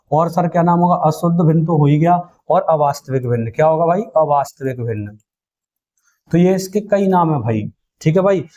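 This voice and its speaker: Male maths tutor, mellow and a bit high, drills students with call-and-response. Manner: call-and-response drilling, asks then answers himself; calls students "beta" and "bhai". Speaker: maths teacher. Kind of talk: exam-prep maths lesson.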